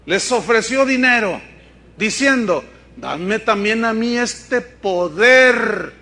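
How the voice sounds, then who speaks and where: A male pastor delivers a sermon in a high, bright, forceful voice. He preaches with lively energy, breaking into asides and playful mock dialogue with his listeners. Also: takes it slowly.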